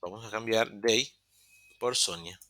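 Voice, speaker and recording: Bright-voiced male teacher, patient and explanatory. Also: fairly low pitch, measured pace, no echo. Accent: Latin American Spanish. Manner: patient, explaining step by step with frequent "ok?" checks; self-correcting, restarts mid-word. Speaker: English teacher. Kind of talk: online beginner English class. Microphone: computer mic in a virtual session.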